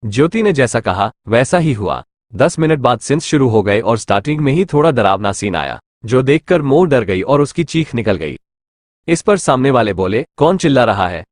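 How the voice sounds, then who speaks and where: Expressive male audiobook narrator. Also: medium pitch, normal speed, no echo, clean studio sound. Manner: storytelling, expressive.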